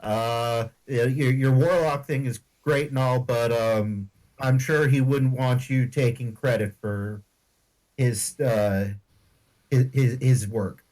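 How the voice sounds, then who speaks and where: Man, tabletop player, medium pitch, casual role-play chat. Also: fairly even intonation, takes it slowly, a little mellow, rough recording. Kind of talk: casual in-character game chat.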